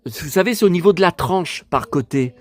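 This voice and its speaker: A man casually vlogging about collector books, excitable and rambling, talking straight to his viewers. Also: fairly high pitch, moderate pace.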